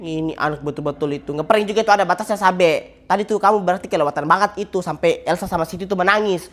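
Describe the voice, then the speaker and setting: Woman, lowish voice, scolding, lecturing, comedy skit. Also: fast talker. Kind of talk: acted family comedy skit.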